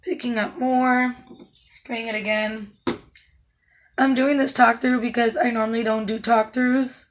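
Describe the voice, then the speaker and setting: In a rough recording with slight background noise, a woman leads a makeup tutorial at an unhurried pace. She is a makeup artist whose naturally raspy, somewhat high voice is hoarse and breaking in and out, and she offers calm instruction with occasional soft asides.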